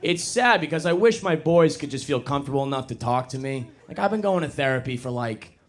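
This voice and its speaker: Young male stand-up, deadpan and self-mocking, middle pitch, faint room noise on a stage mic. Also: fairly quick. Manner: self-deprecating, deadpan asides with sudden loud bursts. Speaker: stand-up comedian. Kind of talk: stand-up comedy set. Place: comedy club stage with audience. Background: audience laughter.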